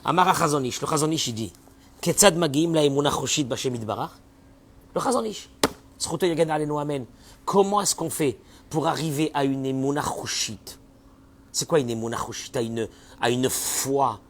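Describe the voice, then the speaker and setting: A man's voice: medium pitch, moderate pace, pauses often. Impassioned man giving a sermon. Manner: impassioned, urges listeners directly, swings from soft to loud. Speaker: rabbi.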